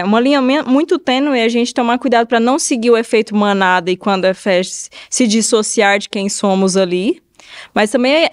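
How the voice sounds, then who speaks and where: A woman with a Brazilian Portuguese accent speaks as a hairdresser guest on a podcast. Her voice sits fairly high. She hands out practical tips in an animated, conversational way and slips into her clients' voices when she quotes them. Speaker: guest, hairdresser and updo stylist. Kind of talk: casual advice-giving interview talk.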